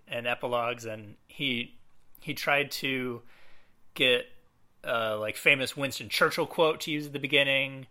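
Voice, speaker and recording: A man casually discussing an old movie on a podcast, talking loosely with fillers and acting out quotes. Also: mid-range voice. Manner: relaxed, lots of fillers, acts out quotes. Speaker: podcast co-host.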